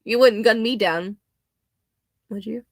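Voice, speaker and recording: Slightly hoarse young woman chatting. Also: a little high, slow pace, dry recording. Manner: chatty, laughs often, self-deprecating asides. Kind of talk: casual rambling chat.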